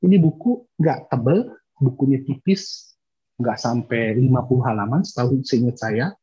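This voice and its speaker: A man preaching a sermon in a conversational way, pausing to correct himself and acting out the voices he quotes. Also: medium pitch, warm tone, breathy edge, lo-fi sound. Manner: conversational, with fillers and self-corrections.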